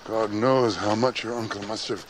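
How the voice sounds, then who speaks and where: A man's voice: fairly low pitch, fairly even intonation, normal speed, noisy background, lightly acted. An actor playing a weary, dry-witted older father in a period film.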